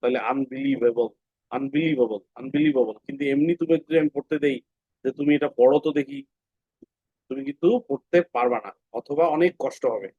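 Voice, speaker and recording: A man teaching English phonics to children in a classroom, patiently asking questions and then answering them himself, and repeating words slowly. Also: mid-range voice, mellow, dry recording. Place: classroom with students. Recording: dull, dry lo-fi sound.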